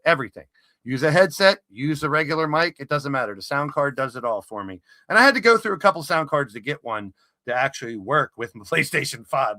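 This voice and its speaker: A man hosts a live stream in a relaxed, chatty way, pausing on plenty of fillers as he walks through his points. His voice is bright and forward, and it sits a little above the usual pitch for a man. The sound is close and dry, with no room around it. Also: no echo. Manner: conversational, explains things step by step with many fillers. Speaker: stream host. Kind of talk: casual live-stream chat.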